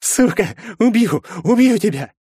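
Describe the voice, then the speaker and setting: A man voicing an arrogant, hot-tempered young brawler who shouts threats. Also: high voice, sing-song, fast talker, no echo, clean studio sound, voice pushed up. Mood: furious.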